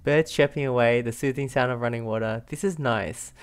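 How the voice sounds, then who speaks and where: A young man giving casual, relaxed gameplay commentary as a streamer, in a loose, repetitive chatty way. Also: mid-range voice, brisk, smooth, soft background music. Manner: relaxed, giggly, repeats himself. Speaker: game streamer. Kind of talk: casual reaction commentary while playing.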